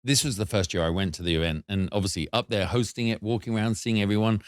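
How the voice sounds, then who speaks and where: Low-voiced earnest male host, dry sound. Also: fast, dry recording. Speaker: show host. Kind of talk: casual interview chat. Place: studio.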